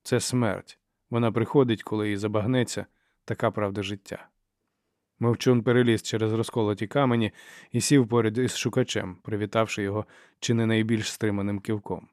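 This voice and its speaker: A man narrates a fantasy novel in a measured storytelling voice. His voice sits low, and the recording is close and completely dry, with no room sound. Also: level tone, a little mellow, dry recording. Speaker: audiobook narrator. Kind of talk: scripted narration.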